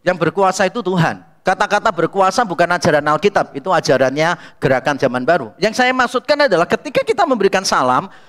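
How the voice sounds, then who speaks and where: A man preaching an expository sermon as a pastor, telling lively stories and acting out the people he quotes. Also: sits high, fast talker. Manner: animated storytelling, acts out quoted people. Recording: reverberant hall.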